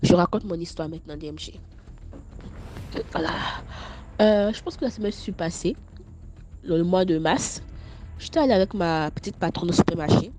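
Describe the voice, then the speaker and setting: A young woman with an Ivorian French accent tells her own story in a casual spoken voice message, stammering and repeating words, animated and scolding. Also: on the low side, normal speed, long pauses, background noise.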